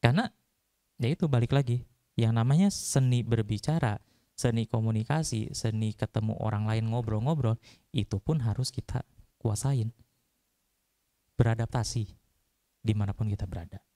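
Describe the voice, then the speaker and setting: A man's voice: medium pitch, normal speed, long pauses, mellow, no room sound. A young man giving a casual Buddhist dhamma talk, chatty and joking, often putting questions to the audience. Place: temple hall.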